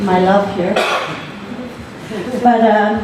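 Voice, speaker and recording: An Alaskan visual artist speaks on a panel in a large gallery hall, hesitating often and using lots of fillers. Her mid-range voice is extremely slow and shows little pitch movement. The recording picks her up from far off in the echoey hall, with background noise.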